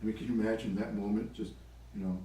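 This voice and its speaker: A man's voice: lowish voice, level tone, fast, warm tone, a little hiss or hum. A man leading a prayer group, retelling a gospel story casually with chatty, wry asides. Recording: echoey room, far from mic.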